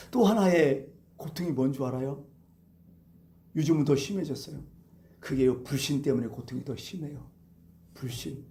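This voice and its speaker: A male pastor preaching a Sunday sermon, telling stories and asking the congregation rhetorical questions. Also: on the high side. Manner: animated storytelling with rhetorical questions.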